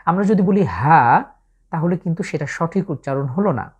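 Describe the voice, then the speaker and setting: A woman with a Bangladeshi Bengali accent teaches how to pronounce Arabic letters for the Quran, slowly and patiently stretching out each one as she demonstrates. Her voice is lowish, mellow and slightly rough, and the high frequencies are cut off.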